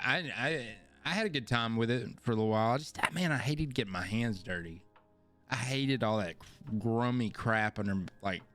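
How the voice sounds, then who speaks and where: A man's voice: on the low side, fairly bright tone. A man hosting a podcast, telling his own story in a casual, rambling, self-deprecating way that often repeats phrases. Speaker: podcast host.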